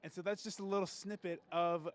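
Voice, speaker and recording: A man's voice: sits high, steady tone, brisk. A man hosting a live show, reporting from a school showcase with enthusiastic, stumbling talk.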